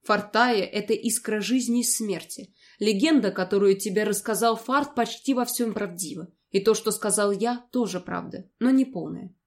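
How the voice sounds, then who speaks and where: A woman reading as a young male heir who speaks gently and softly. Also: mid-range voice, normal speed, few pauses, close to an everyday voice. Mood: gentle. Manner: gentle, soft.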